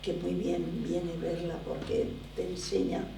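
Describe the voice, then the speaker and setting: An older woman with a gravelly, mellow voice tells theatre stories with lively emphasis. She sounds distant in an echoey lecture room with faint background noise. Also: fairly low pitch, unhurried. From Barcelona, Spain. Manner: animated, emphatic storytelling. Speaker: theatre producer, guest. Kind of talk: conversational interview. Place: lecture room at a drama school.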